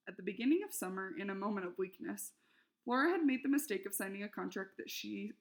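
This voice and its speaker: A woman reading a children's novel aloud, expressive and lively in the characters' shouted lines. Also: medium pitch. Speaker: reader.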